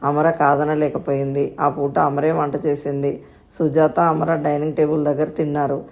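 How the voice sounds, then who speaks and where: A woman narrating an audio story in a calm, steady reading. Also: deep voice, normal speed.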